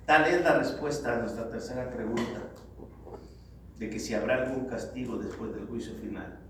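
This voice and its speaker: A man delivers a sermon at a moderate pace, calling the congregation brothers and swinging between loud exhortation and low, grave tones. The recording comes from a very echoey hall with a distant mic and faint noise.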